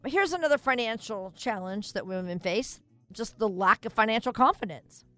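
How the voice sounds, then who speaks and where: Woman, radio co-host, upbeat chat, crisp voice, dry close sound. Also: fairly high pitch, expressive, normal speed, a bit bright, no room sound, faint music behind. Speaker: co-host reading out topics.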